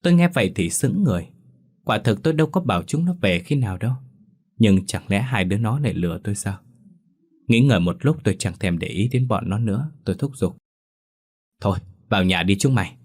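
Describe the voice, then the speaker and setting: A man narrating a ghost story in the first person, telling it in a steady, measured way. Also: on the low side, slightly rough.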